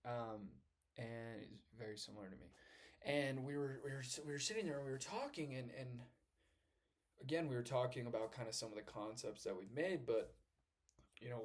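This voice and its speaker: Rambling earnest young man, mid-pitch. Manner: rambling, earnest, swears casually, says "right?" often. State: just back from the gym. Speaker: vlogger. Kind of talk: casual self-help monologue.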